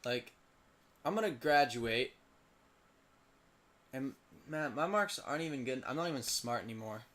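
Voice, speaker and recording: A hoarse, tired teenage boy commenting on a simulated lacrosse league late at night, rambling and mumbling with self-pity between plays. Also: mid-range voice, fairly bright tone. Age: teens.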